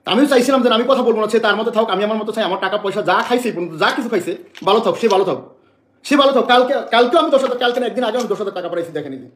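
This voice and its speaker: A man's voice: high-pitched, rapid-fire, hardly any pauses, fairly bright tone, reverberant. A man from Bangladesh making an emotional public statement to the press, agitated and repeating phrases over and over.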